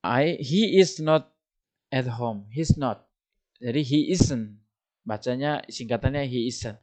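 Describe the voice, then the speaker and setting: A young man with an Indonesian accent teaching an English grammar lesson, often loud and lively, repeating each point for beginners. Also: medium pitch, takes it slowly. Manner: animated, swings of loudness, repeats points.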